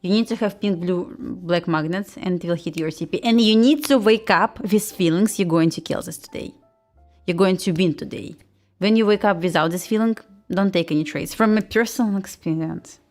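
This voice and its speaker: Over soft background music, a woman with a Russian accent hosts a casual trading livestream as a futures day trader. Her voice sits on the low side with a darkish tone and a moderate pace, and she chats informally, commentating in slightly non-native English.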